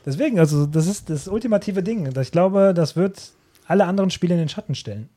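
A man chatting on a podcast, rambling excitedly and acting out quoted characters. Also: high-pitched, fast, slightly rough. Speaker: podcast co-host. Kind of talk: casual chat.

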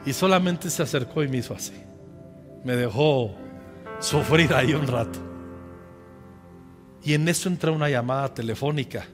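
A Mexican man in his fifties, a pastor telling a personal story in a sermon, lively and humorous, speaking directly to his congregation. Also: medium pitch, moderate pace, pauses often. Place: church. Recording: echoey church hall with soft music behind.

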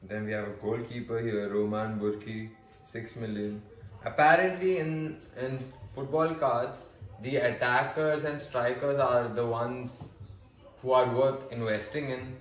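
A man's voice: mid-range voice, fairly even intonation, unhurried. A young man with an Indian accent talks casually and swears freely while reading out card stats. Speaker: vlogger. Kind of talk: casual card-opening commentary. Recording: echoey room.

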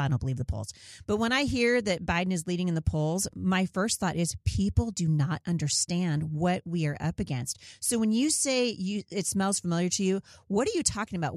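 A woman's voice: lowish voice, a little mellow, no room sound, studio quality. A woman hosting a podcast, outspoken and emphatic as she introduces and questions her guest. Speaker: podcast host. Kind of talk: casual interview.

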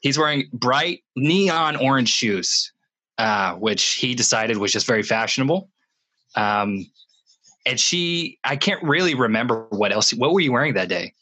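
A young man co-hosting a podcast, telling animated stories, acting out other people's voices and laughing often. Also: medium pitch, measured pace. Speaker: podcast co-host. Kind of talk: casual storytelling chat.

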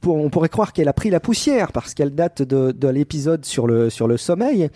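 Man, podcast co-host, mellow tone, dry sound, hesitant, many fillers. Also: on the high side, expressive, moderate pace, dry recording. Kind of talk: casual chat.

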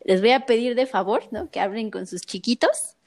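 A woman's voice: on the high side, moderate pace, darkish tone. A woman with a Mexican Spanish accent, a mother, telling a story in casual podcast chat, full of slang. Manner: chatty storytelling with slang, acts out quoted voices. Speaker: podcast co-host.

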